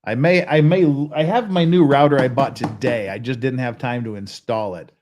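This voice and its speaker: A crowd can be heard behind this American livestream host, who speaks at normal speed with a medium pitch. Casual and joking, he frequently interrupts his own sentences.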